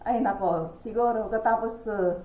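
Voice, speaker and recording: A woman's voice: medium pitch, normal speed, warm tone. A Filipina woman vlogging to her viewers in a chatty, gossipy way, telling stories with exclamations and laughs while outdoors. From Philippines. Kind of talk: casual chat to viewers. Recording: echoey, dull lo-fi with faint ambience.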